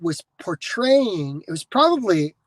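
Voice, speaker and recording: A man's voice: high-pitched, sing-song, a little slow, no echo, rough recording. A man from the United States hosting a podcast, talking in a casual, rambling monologue full of restarts and swearing. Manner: digressive, swears freely, many restarts. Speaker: podcast host.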